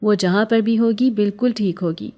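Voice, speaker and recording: A woman playing a calm, secretive veiled woman. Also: mid-range voice, natural voice. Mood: soothing. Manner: soothing, reassuring.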